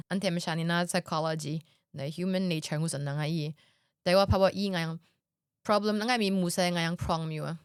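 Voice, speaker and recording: A woman's voice: fairly low pitch, no echo, studio quality. A woman hosting a solo podcast in a casual, chatty way, often laughing and dropping English words into her talk. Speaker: podcast host.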